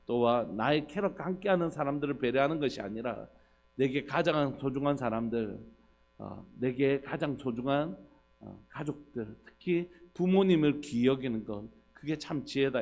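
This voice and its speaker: Gravelly-voiced Korean pastor preaching. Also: male voice, mid-range voice. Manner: earnest, conversational preaching with fillers. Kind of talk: dawn service sermon. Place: church.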